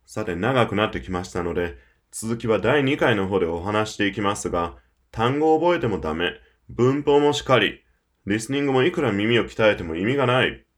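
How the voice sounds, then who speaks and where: A man's voice: fairly low pitch, expressive, a little fast. Emphatic male audio-course lecturer. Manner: persuasive, emphatic, addresses listener directly. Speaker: English-learning course presenter.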